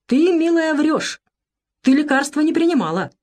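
A stern, solemn male village medic scolds with pointed authority, as a woman reading the story puts him on. The voice sits higher and louder than her narration, with plenty of lift in the pitch. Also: big pitch swings, normal speed.

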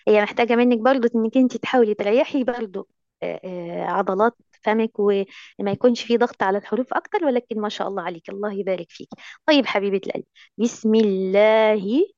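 Woman recitation teacher, Egyptian accent, brisk and coaxing, dry lo-fi call audio. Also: medium pitch, a little mellow, no room sound. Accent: Egyptian Arabic. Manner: affectionate, coaxing, heavy on endearments. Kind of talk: online recitation lesson.

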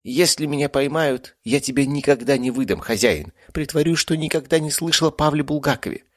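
A man's voice: medium pitch, brisk, dry recording, studio quality, voice pushed up, lightly acted. Man doing a sly, boastful cat werewolf. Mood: cheeky. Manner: purring, cheeky and wheedling.

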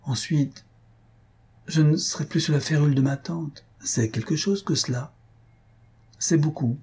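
A man's voice: a little high, measured pace, darkish tone, slightly rough, voice pushed up, full character voice. A man voicing a cheerful, coy young woman about to marry, in a playful, bashful way, for an audiobook. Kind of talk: audiobook character voice.

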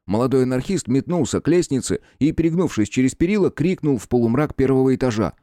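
A man narrating a story in an expressive, wry storytelling manner. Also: mid-range voice, fast, no room sound, studio quality. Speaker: audiobook narrator. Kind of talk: scripted narration.

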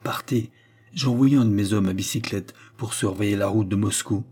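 A man voicing an anxious, pressing man urging others to flee, read as a storybook in a low, husky voice. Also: normal speed, dark tone. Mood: urgent. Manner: urgent, pressing. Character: anxious middle-aged male protector, urgent.

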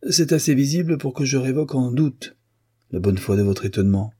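A man reading an audiobook, voicing a worldly, ironic princess who coaxes and gently mocks a young artist. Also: mid-range voice, lively intonation, a little fast, husky, voice pushed up. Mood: mocking.

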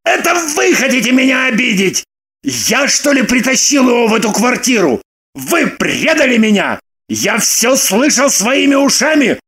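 An actor playing an excitable young man who bursts into shouts and pleads desperately. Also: sits high, unhurried, exaggerated voice. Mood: angry. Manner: loud, shouting outbursts.

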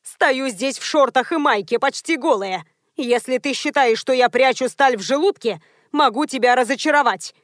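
A woman's voice: high voice, normal speed, no echo, clean studio sound. A woman doing a stubborn, snappy woman friend. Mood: indignant. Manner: indignant and sharp-tongued. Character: stubborn, irritable woman friend, quick to snap.

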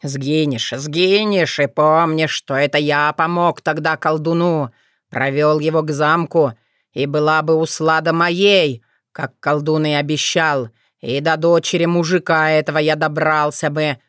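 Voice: mid-range voice, flat delivery, measured pace, fairly bright tone, smooth, dry recording, clean studio sound, natural voice. A reader growling as a crazed old forest spirit. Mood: gloating. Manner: snarling, gloating.

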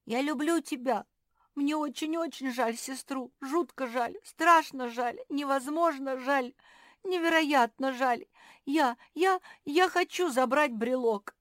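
A woman voicing a young female pug puppy with high, pleading outbursts. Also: slow, a bit bright, no room sound, studio quality.

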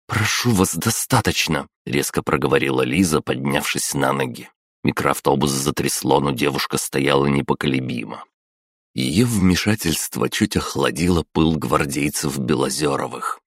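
A man narrating an audiobook in a steady, matter-of-fact storytelling manner. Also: rumbling low, moderate pace, no room sound, clean studio sound. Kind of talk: scripted narration.

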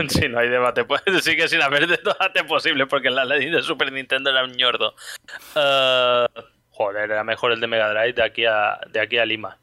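A man co-hosts a casual podcast, talking fast with frequent laughter. His voice is strikingly bright and sharp. It sounds close and dry, with no room echo. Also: steady tone. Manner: rapid, laughing, acts out friends in a high voice. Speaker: podcast co-host.

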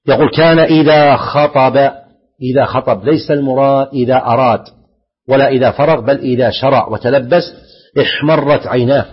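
Husky-voiced sheikh explaining a text. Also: male voice, medium pitch. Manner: reads a phrase aloud, then explains it slowly and deliberately; stresses quoted words, lifting voice on them. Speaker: sheikh teaching a hadith text. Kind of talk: Islamic lesson, explaining a text line by line. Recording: dull lo-fi lecture recording.

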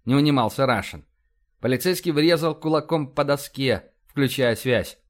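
A man's voice: medium pitch, normal speed. A man reading an audiobook aloud as narrator. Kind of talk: scripted narration.

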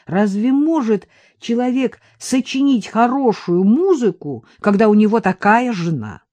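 A woman voicing a hungover, boisterous young man who is loud, sneering and drunkenly slurring, in an audiobook. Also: fairly high pitch, expressive, measured pace, no room sound, voice pushed up.

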